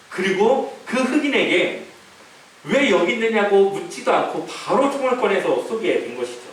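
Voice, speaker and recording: Pastor, male, high lively delivery, storytelling sermon, distant mic in a very echoey sanctuary. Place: church sanctuary. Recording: echoey hall from far off, faint hiss.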